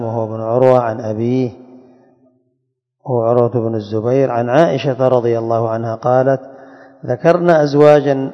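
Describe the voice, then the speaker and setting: A man giving a religious lesson, reading chains of narrators and explaining them slowly, and asking his students questions. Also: medium pitch. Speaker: hadith teacher. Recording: dull echoey hall recording.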